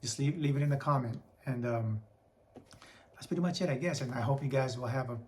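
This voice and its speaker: A hoarse man who keeps clearing his throat, chatting casually and rambling as a comic book vlogger. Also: mid-range voice, brisk, darkish tone, slight background noise. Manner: rambling, repeats and restarts words. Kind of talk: casual vlog chat.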